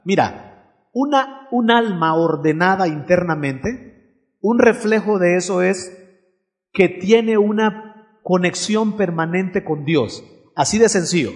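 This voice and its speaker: Male pastor, sermon, high voice, dramatic pauses, repetition, long hall reverb. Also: animated.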